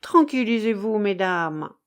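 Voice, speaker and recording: Brief: a woman reading a smug aristocrat officer in a storybook, smooth and mocking, slow-paced. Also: medium pitch, animated, close to an everyday voice. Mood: soothing.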